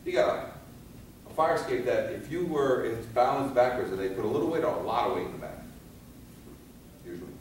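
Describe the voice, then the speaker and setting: A man's voice: medium pitch, expressive, brisk, long pauses. A man teaching a class of firefighters. He keeps asking the room questions, answers them himself, and acts out scenes in different voices. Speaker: fire safety instructor. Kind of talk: live training talk to firefighters. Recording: echoey, from far off, with some background noise.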